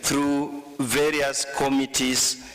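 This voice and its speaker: Man as legal counsel, formal and deliberate, reverberant hall sound. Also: medium pitch, little pitch movement, a bit bright. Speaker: legal representative for applicants. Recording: echoey hall with long reverb.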